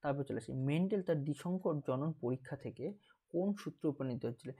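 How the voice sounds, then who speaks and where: This Bengali-accented man speaks rather fast and animated, his voice high-ish, dark and husky. Taking the role of a teacher, he goes through an exam paper, repeating key terms and answering his own questions.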